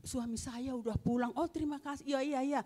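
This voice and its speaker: A middle-aged woman gives a spoken testimony in a church service, telling her story by acting out both sides of each conversation. Her voice sits fairly high, and she keeps turning to the listeners as brothers and sisters. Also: steady tone, brisk, dark tone. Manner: storytelling, acts out both sides of remembered dialogue. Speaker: church member giving testimony.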